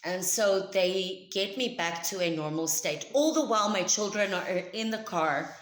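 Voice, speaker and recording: A South African woman whose first language is Afrikaans tells a personal story to her camera as a vlogger. She talks in a loud, emphatic, chatty way, at medium pitch and a moderate pace, in an echoey room.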